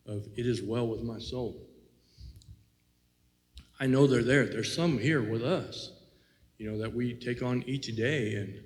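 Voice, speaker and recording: A man's voice: medium pitch, big-room sound. A man co-hosting a casual faith talk, reflective and rambling, with many "you know"s. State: has the hiccups. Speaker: co-host.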